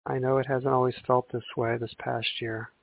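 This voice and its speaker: A man guides a meditation in the unhurried, soothing manner of a sleep story narrator. His mid-pitched voice is gravelly and a little raspy, with long pauses between phrases. The recording is narrow and phone-like. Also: level tone. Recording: muffled, phone-like narrow sound.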